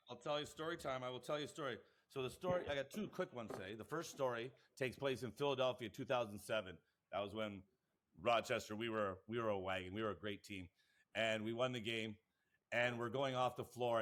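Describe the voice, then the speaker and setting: A man, a lacrosse podcast co-host and coach, telling rambling, excitable stories full of acted-out quotes and swearing. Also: mid-range voice. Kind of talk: animated storytelling.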